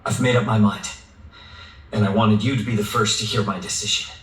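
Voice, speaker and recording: Earnest, lowish-voiced young man, acted by a man. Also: fairly even intonation, a little fast, slight background noise, natural voice. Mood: earnest, resolute. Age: young adult. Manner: sincere, resolute. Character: earnest, determined young man, protective brother. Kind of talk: video game voice acting. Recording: echoey, distant sound under music.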